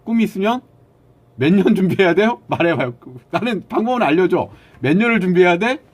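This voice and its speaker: Blunt, lively man lecturing his stream chat. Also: high-pitched, brisk. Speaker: live streamer. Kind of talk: casual live-stream chat with viewers.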